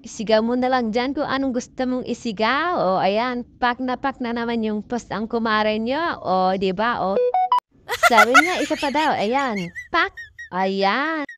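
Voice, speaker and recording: A woman's voice: a little high, unhurried, loud music behind the voice. A woman chatting playfully to her viewers while hiking on a mountain peak, filming with a handheld phone. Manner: bubbly, playful, addresses viewers as friends. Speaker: vlogger.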